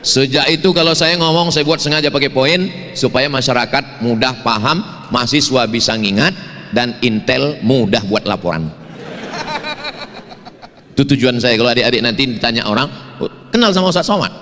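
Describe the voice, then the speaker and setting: A man who is a preacher and university lecturer, giving a humorous sermon to students at an evening campus event and telling stories with lively asides. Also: mid-range voice, normal speed, a little hiss or hum. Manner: jokey storytelling with lively asides. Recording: long hall reverb.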